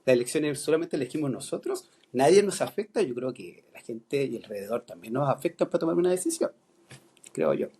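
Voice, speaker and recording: A middle-aged philosophy teacher from Chile, speaking with a Chilean accent, talks in a podcast conversation. His medium-pitched voice is warm and a bit breathy, brisk and swinging widely in pitch, and he's thoughtful, full of hesitations and restarts.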